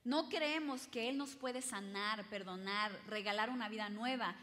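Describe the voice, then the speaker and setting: Woman, conference speaker, bright tone, animated, audience questions, reverberant hall. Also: on the high side, unhurried. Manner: animated, acts out quoted voices, asks audience questions. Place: large hall before an audience.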